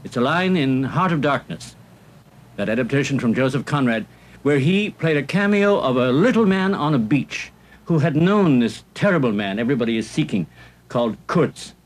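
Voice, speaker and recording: A man's voice: mid-range voice, expressive, normal speed. A man, a colleague, reminiscing in an interview in an admiring, reflective way.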